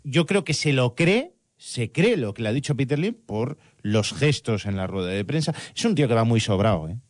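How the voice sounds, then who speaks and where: A man's voice: mid-range voice, moderate pace, no room sound. Teasing man on studio radio. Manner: teasing, animated storytelling. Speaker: regular contributor. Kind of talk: casual radio talk.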